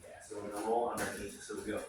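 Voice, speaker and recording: A man's voice: fairly low pitch, level tone, very fast, distant mic. A man working as a boxing coach, casually explaining drills and calling out moves with punchy sound words. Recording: very echoey, noisy room, off the mic.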